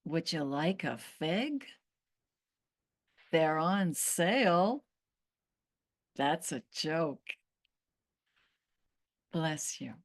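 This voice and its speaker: A woman channeling a once-cursed fig tree spirit, speaking in a slow, earnest storytelling manner with long pauses. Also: sits low, animated, heavily acted.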